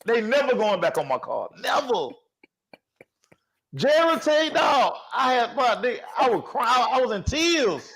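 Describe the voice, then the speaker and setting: Animated high-voiced man telling a story. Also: a little slow, raised voice. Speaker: sports talk show host; former high school football coach. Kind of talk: casual storytelling chat.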